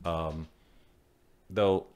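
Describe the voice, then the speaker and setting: Talking through a biscuit recipe on a casual podcast, a middle-aged co-host jokes, rambles and keeps apologizing. He speaks extremely slowly in a low, steady, smooth voice that is a little mellow.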